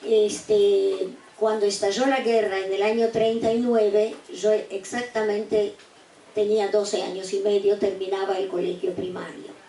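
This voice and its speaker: A woman in her eighties from eastern Poland, giving her testimony to students slowly and deliberately, often restarting her words. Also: mid-range voice, level tone, warm tone. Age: 80s. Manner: slow, deliberate, with repeated restarts. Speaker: guest speaker giving survivor testimony. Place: university auditorium. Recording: echoey room, distant mic, faint noise.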